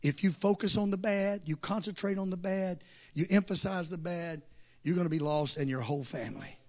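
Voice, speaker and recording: Male preacher, high gravelly voice, bright tone; fiery sermon delivery that climbs to shouting. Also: brisk. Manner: impassioned, building to shouts with repeated refrains. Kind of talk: revival sermon. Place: church service before a congregation.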